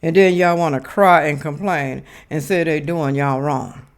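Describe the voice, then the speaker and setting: A woman's voice: low voice, fairly even intonation, a little slow. A woman gives blunt, emphatic, casual commentary to her viewers, repeating herself, her words slurred as if speaking without her dentures in. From United States. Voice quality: slurred, toothless speech from missing dentures. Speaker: reaction video host.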